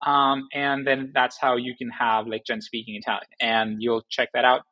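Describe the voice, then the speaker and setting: Bright-toned man walking through software. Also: medium pitch, moderate pace, lo-fi sound. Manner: relaxed, with frequent fillers and restarts. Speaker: software tutorial presenter. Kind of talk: casual screen-recording walkthrough.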